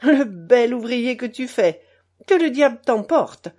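A woman's voice: fairly high pitch, lively intonation, unhurried, darkish tone. A woman reading the part of a harsh male shop clerk who scolds and sneers ironically in a storybook. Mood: scolding.

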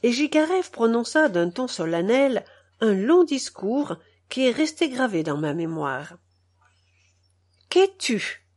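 A woman reading a novel aloud as an audiobook narrator, measured and expressive. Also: on the high side.

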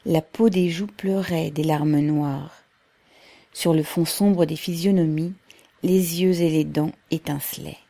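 A woman narrating a novel in a measured, unhurried reading. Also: sits low, fairly even intonation, creaky, mellow. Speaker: audiobook narrator.

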